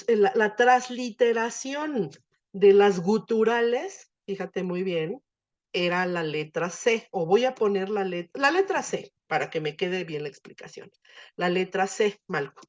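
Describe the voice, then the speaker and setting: A woman's voice: mid-range voice, dull audio. Patient woman teaching Latin. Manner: patient, explanatory, many fillers. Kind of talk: online grammar class.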